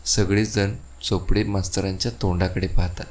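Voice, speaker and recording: A man's voice: low voice, flat delivery, normal speed, darkish tone. Man reading stage directions plainly. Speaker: narrator reading a school play.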